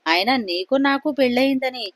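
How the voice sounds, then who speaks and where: A jumpy young man, suspicious and quick to panic, raising his voice sharply when startled, as a woman narrator puts him on. Dry, close storybook reading. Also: sits high, a bit bright, no room sound. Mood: alarmed. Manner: indignant, panicky. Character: young man, suspicious, easily flustered husband.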